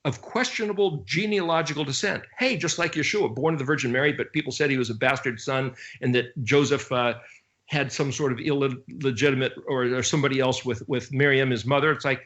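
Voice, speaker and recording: A man giving an informal Bible study talk. He speaks in an animated way, with sarcastic asides, and slowly spells out Hebrew letters. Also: highs cut off. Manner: animated, with sarcastic asides and sudden jumps in pitch. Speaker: Bible teacher.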